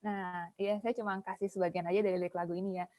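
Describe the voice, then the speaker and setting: A woman's voice: medium pitch, little pitch movement, fast talker, highs cut off, background noise. A young adult woman presenting at a seminar in a casual academic talk, chatty, with many filler tags at the end of her phrases.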